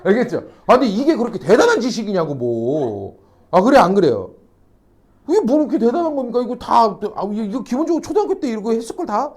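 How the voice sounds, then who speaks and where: A man's voice: extremely high pitch, wildly swooping pitch, fast talker, darkish tone. A middle-aged man teaching a class, telling anecdotes, teasing and mocking, and constantly checking whether students follow. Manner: mocking asides. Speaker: academy teacher.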